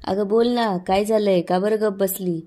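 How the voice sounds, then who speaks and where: An impatient young man from a TV serial presses a girl to explain herself, as a woman narrator reads him. His delivery is coaxing but even, with a soft, dark tone. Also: medium pitch, moderate pace, natural voice.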